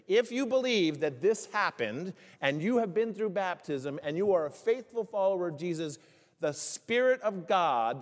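Male pastor preaching, slightly high voice, emphatic questions, slows on key lines, long church echo. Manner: asks the congregation many rhetorical questions; slows down to stress key phrases. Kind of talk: sermon. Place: church sanctuary.

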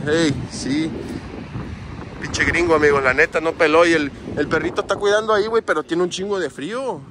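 A man's voice: on the high side, fairly quick. A young man with a Mexican accent, casually vlogging outdoors by the sea, slangy and joking as he walks along a border wall. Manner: slangy, joking, talks to viewers while walking. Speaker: vlogger host. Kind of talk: casual on-location vlog. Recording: windy outdoor recording with crashing waves. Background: wind and surf.

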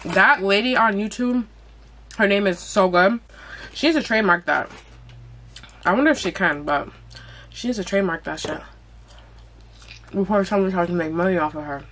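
A woman's voice: lowish voice, fairly bright tone, a little hiss or hum. Slangy, chatty young woman vlogger. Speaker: mukbang vlogger. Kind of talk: casual chat while eating. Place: at home.

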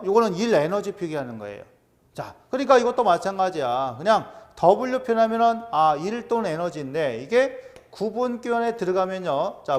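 High lively guy lecturing, keeps asking quiz questions, middle-aged. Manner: animated, drills terms with "자" and quiz-style questions. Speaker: exam prep lecturer. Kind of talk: classroom lecture.

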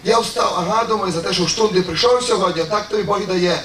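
Fast animated preacher man, echoey hall. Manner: animated storytelling, swinging between high and low voices. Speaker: preacher giving testimony. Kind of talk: emotional sermon testimony. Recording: echoey room, from far off, noisy.

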